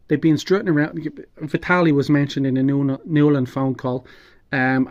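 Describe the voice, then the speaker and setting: Male online commentator, mid-pitched, halting off-the-cuff delivery, calm turning angry and sweary, muffled lo-fi recording. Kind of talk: unscripted political rant. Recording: dull lo-fi sound.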